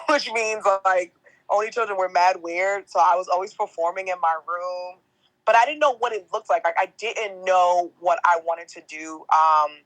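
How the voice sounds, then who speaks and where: Poor audio with no room sound captures a young woman speaking at normal speed in a deeper natural voice. She hosts an entertainment podcast, keeping the interview casual and slangy, telling stories and laughing often.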